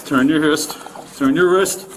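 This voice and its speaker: A man's voice: a little high, unhurried. A male police officer giving short, repeated commands. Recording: noisy airport bodycam audio.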